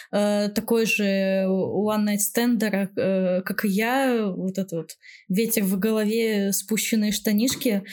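A woman's voice: on the high side, a little mellow. A woman podcast co-host who burrs her R sounds, chatting casually and candidly in a frank, joking, profane way.

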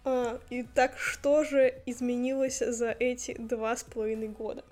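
A woman's voice: on the high side, little pitch movement, a little slow, darkish tone, soft background music. A woman in her twenties co-hosting a podcast, joking playfully and laughing often. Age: 20s. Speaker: podcast co-host. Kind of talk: casual chat.

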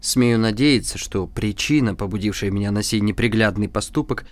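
A man playing a young clerk who speaks softly with long, deferential, formal phrasing. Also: on the low side, normal speed, no room sound, close to an everyday voice. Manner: deferential, long-winded, soft-spoken. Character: young male clerk, anxious and overly formal.

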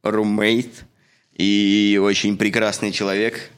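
A man in his thirties from Russia co-hosts a relaxed podcast chat. His voice sits low, and he talks earnestly, rambling along with fillers and restarts. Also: slow, clean tone. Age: 30s. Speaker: podcast co-host. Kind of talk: casual chat.

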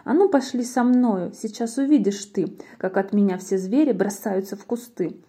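A woman voicing a tiny, cheeky male mouse in a rhyming storybook, squeaking and bragging. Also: moderate pace, husky, lightly acted. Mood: boastful. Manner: cheeky, excited, shouting greetings. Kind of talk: storybook reading in verse.

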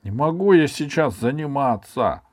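Lazy whiny schoolboy as voiced by a man, high and wailing, slow drawn-out storybook reading. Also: very animated, a little mellow, no room sound, studio quality. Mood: whining.

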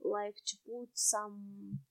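A woman's voice: mid-range voice, flat delivery, drawn-out words, creaky, fairly bright tone, no echo. A woman in her twenties with a Russian accent, a native Russian speaker, chatting casually and reflectively as a podcast co-host, often hesitating as she searches for words. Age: 20s.

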